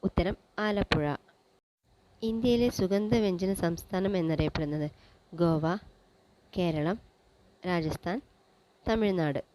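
A woman presenting a general-knowledge quiz, reading each question and its options in a measured, list-like way. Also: fairly low pitch, warm tone, a little hiss or hum, rough recording.

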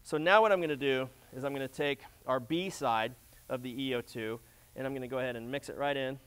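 A man's voice: mid-range voice, brisk, fairly bright tone, clean tone. A middle-aged man giving a practical instructional demonstration, explaining as he works, with frequent fillers and restarts. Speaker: flooring demonstrator. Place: large warehouse floor, indoors.

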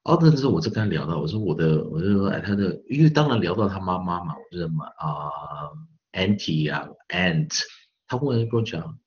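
Male English teacher in his forties, very low voice, chatty and repetitive, slows down to sound out words; slightly dull lo-fi recording. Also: lively intonation, darkish tone. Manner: chatty, repeats phrases with filler particles; spells and sounds out words slowly. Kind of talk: recorded online English lesson.

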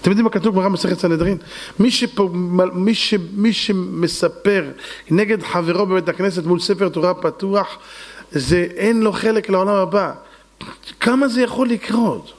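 A rabbi giving a sermon, telling stories and acting out the dialogue dramatically while addressing the congregation. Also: male voice, high voice. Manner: acts out dialogue in a lively, dramatic voice; addresses the audience directly. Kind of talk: storytelling sermon.

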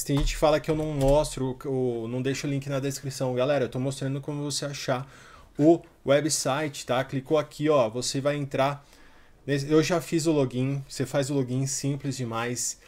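A man in his thirties hosts a relaxed screen-recorded tutorial at an ordinary pitch. He talks loosely as he clicks around, tossing in little fillers and asides as he goes. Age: 30s. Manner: chatty, talks while clicking through a website, many fillers like "tá" and "ó". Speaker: tutorial host.

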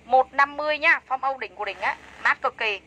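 A woman's voice: sits high, quick pace, sharp tone, rough recording. A woman selling clothes on a livestream, chatty and enthusiastic, repeating prices over and over. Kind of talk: fast live-sale patter.

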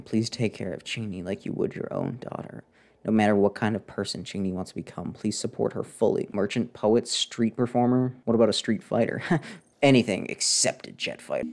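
Speaking at normal speed in a lowish voice, a young man comments on the game he's streaming in a sarcastic, unimpressed, casual way. He's close to a desk microphone, and game music plays in the background.

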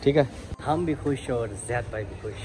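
Heavy background noise surrounds this man's medium-pitched voice at a moderate pace. He's a university student and vlogger in his twenties with a Pakistani accent, casually explaining things to his arm's-length phone while mixing in English, out on city streets and inside shops. The phone vlog has music laid over it.

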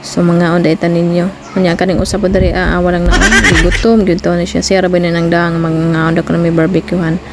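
A woman's voice: lowish voice, flat delivery, brisk, hardly any pauses. Chatty Cebuano woman vlogging on a phone. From Philippines. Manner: chatty, laughs often, mixes English phrases. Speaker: family vlogger. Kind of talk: casual vlog narration. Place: outdoor seaside barbecue spot at night. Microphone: phone held at arm's length. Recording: loud outdoor background noise.

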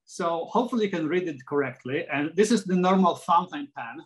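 Lively intonation marks this fairly quick, slightly rough, high-side voice of a middle-aged Polish man with a Polish accent, though the audio is poor. An architect and sketcher, he's a guest on a video call interview, restarting often and using many fillers. He talks from a small home room with framed pictures, via laptop webcam.

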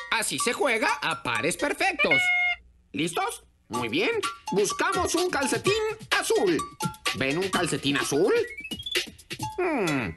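Una mujer que dobla a un muñeco adulto serio, quisquilloso y fácil de exasperar. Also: female voice, medium pitch. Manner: exasperated, fussy. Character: fussy serious puppet man, easily flustered. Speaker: dubbed puppet character. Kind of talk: children's TV dub. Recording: loud music underneath.

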